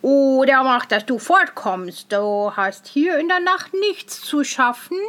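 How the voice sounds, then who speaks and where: Woman doing a young farm boy, high voice, naive, earnest, storybook. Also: expressive. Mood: bold. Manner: eager, earnest, slow and wondering. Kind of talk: storybook reading.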